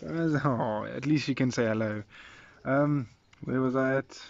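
A man's voice: medium pitch, unhurried, vocal fry, a little hiss or hum. A young man in his twenties with a South African accent, chatting casually and rambling with many fillers in an outdoor daily vlog filmed on a phone held at arm's length. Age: 20s. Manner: rambling, filler-heavy and friendly. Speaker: vlogger. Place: outdoors in a residential yard. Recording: slightly dull phone recording.

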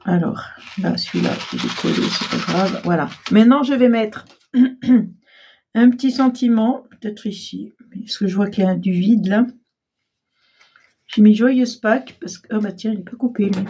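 A woman hosting a casual crafting tutorial, chatty and self-deprecating, full of fillers and clearing her throat often. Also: medium pitch, moderate pace, darkish tone, a little hiss or hum. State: frequent throat clearing, frog in throat. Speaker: crafting channel host.

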